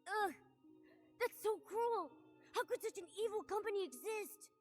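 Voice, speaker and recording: A woman voicing a small, excitable talking cat companion in a video game, with an indignant, exclamatory manner. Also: very high-pitched, moderate pace. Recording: game audio with faint music.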